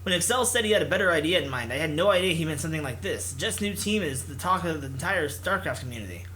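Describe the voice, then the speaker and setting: The audio is poor, with a bit of hiss or hum, but his voice comes through fairly high, expressive, bright and forceful as he talks fast. He's the host of a visual novel playthrough, reading the text aloud with casual remarks in a theatrical, joking style and doing voices for the characters.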